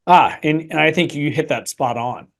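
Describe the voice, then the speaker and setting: A man's voice: fairly high pitch, normal speed, creaky, fairly bright tone. Sarcastic man co-hosting a podcast. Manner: sarcastic, dry commentary. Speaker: podcast co-host. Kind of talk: casual podcast chat.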